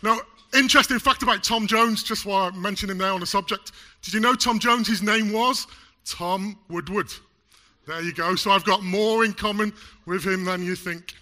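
This preacher's voice sits high and sounds pushed and bright, moving at a moderate pace. Still recovering from a chest cold, he delivers his sermon in a church hall in a chatty, joking way, full of loose fillers.

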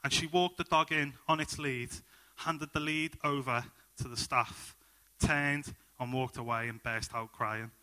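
A man's voice: mid-range voice, fairly even intonation, measured pace, bright, forceful tone. A young man with a Liverpool accent preaching a sermon full of personal stories, upbeat and jokey, with plenty of ums.

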